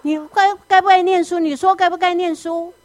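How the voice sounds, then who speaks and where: A woman voicing a furious middle-aged mother who scolds her child in shrill, rapid-fire questions. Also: animated, a little mellow, no echo. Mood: scolding.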